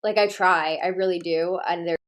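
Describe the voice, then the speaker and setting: A woman's voice: on the low side, fairly even intonation, moderate pace. A woman hosting a livestream, chatting casually and rambling with lots of "like". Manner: rambling, heavy use of "like". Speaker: livestream host.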